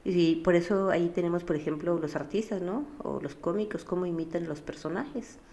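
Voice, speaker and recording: A woman's voice: lowish voice, moderate pace, dark tone. A woman teacher, patiently explaining a physics lesson and often checking that her students follow. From Mexico. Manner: patient, keeps checking with a questioning "sí?".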